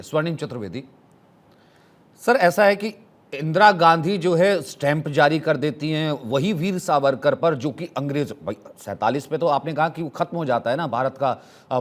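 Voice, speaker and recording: A man's voice: on the high side, normal speed. A male TV debate anchor with a slightly raised voice, firm as he steps in to keep order. He poses pointed questions to the panel. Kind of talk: news debate moderation.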